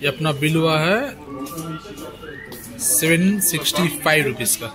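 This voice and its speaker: Loud music fills a restaurant dining room where a Kolkata-born food vlogger tastes and reviews dishes for a casual video. His fairly high voice moves at a measured pace. Chatty and repetitive, he speaks directly to his audience like friends.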